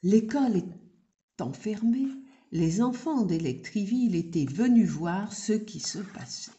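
Slow, gentle woman reading a story. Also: medium pitch, lively intonation, dull audio. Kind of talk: reading a children's story aloud.

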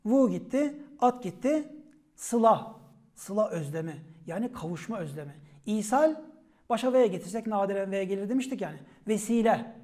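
A man teaching a vocabulary lesson on Ottoman Turkish word roots. He calls out each word sharply, then explains it in a quieter, falling voice. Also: high voice, expressive, normal speed.

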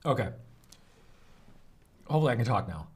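A man's voice: medium pitch, a little fast, breathy edge. A man casually reviewing spicy chicken bites for his vlog, gasping and groaning as his mouth burns from the hot sauce. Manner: animated, groaning and gasping from the heat. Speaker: food reviewer.

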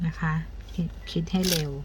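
A woman's voice: moderate pace, noisy background. A woman teaching an abacus multiplication lesson, counting the digits aloud step by step and asking her pupils for each answer.

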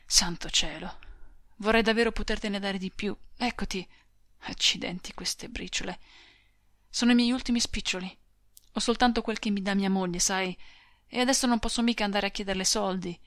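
A woman's voice: medium pitch, fairly even intonation, a bit bright, no echo, studio quality, close to an everyday voice. A woman reading the part of a brusque young male soldier in an audiobook, speaking curtly and commandingly. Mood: hurried. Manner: curt, commanding, hurried.

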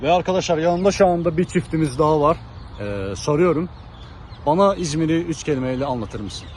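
A man's voice: a little high, lively intonation, a little fast, a little mellow. A man presenting casual street interviews, addressing viewers and repeating answers back. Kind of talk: casual vox-pop presenting. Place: outdoors on a city street. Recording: clear outdoor traffic noise.

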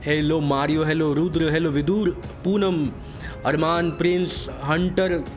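A man hosting a casual live game stream, voice hoarse from a sore throat, greeting viewers by name in a breezy, joking way. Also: on the high side, fairly even intonation, measured pace, faint music behind.

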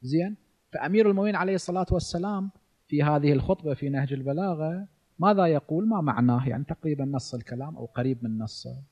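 This Iraqi cleric in his forties talks quickly in a fairly high, slightly rough voice with an Iraqi Arabic accent. He lectures on religion, raising rhetorical questions only to answer them, and the recording is dull.

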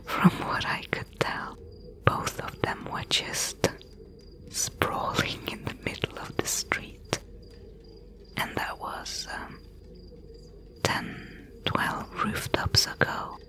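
A woman voicing a wry, bossy thief mentor in a breathy, hushed whispered role-play, giving instructions. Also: slow pace, pauses often, natural voice. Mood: amused, recounting.

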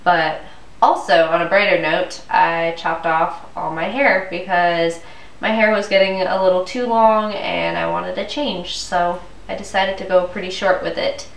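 A young woman vlogging from her living room sounds stuffy with a cold while she rants casually and irritably. Her voice is fairly low with vocal fry, fairly even intonation and an unhurried pace. Because the camera mic is a few feet away indoors, the audio comes across roomy and distant.

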